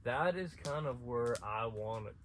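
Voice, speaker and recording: This central Saskatchewan vlogger speaks in a mid-range voice with lively intonation and an unhurried pace, with a faint hiss or hum on the recording. It's night, and he's outdoors at an abandoned school, telling rambling, casual stories to the camera, breaking off to restart and chuckling along the way.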